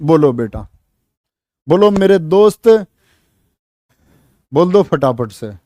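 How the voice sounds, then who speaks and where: Male teacher, high and mellow, unhurried, quizzes the class and answers himself. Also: expressive, no echo. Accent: North Indian Hindi. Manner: coaxing, asks pupils questions and answers them himself; counts syllables aloud slowly. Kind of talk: classroom lecture.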